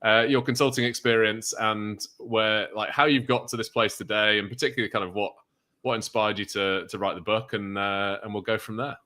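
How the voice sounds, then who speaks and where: A man's voice: fairly low pitch, steady tone, brisk, sharp tone. A man hosting a live online interview in an upbeat, casual and encouraging way. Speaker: webinar host.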